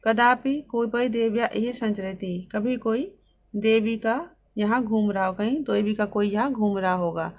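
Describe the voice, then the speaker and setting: A woman teacher reading Sanskrit lines and explaining each one, in a steady line-by-line lesson. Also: fairly high pitch, unhurried.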